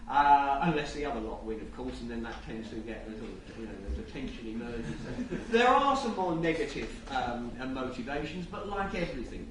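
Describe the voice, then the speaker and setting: A man giving a rushed live lightning talk with wry asides, stumbling and repeating words as he goes. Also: on the high side. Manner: halting, with stammered word repeats. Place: indoor event room with an audience. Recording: echoey noisy room, distant mic.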